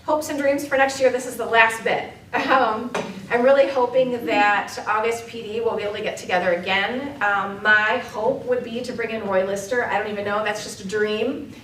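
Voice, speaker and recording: A woman presenting an immersion program report at a board meeting, talking fast and eagerly with plenty of fillers. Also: fairly high pitch, steady tone, a bit bright, slight background noise. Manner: enthusiastic, fast, filler-heavy. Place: meeting room. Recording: echoey room, mic far off.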